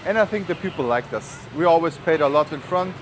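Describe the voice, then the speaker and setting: Brisk and expressive, a slightly high-voiced German vlogger wanders city streets, talking casually in a German accent and drifting into informal asides. Passing traffic and the sounds of vehicles fill the outdoor audio.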